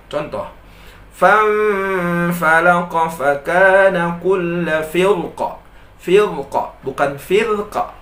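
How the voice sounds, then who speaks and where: A man's voice: mid-range voice, fairly bright tone. Man teaching recitation in an echoey room. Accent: Indonesian. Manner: patient, repeats each example slowly, contrasts wrong and right readings. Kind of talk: tajweed lesson with recited examples. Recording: echoey room with faint noise.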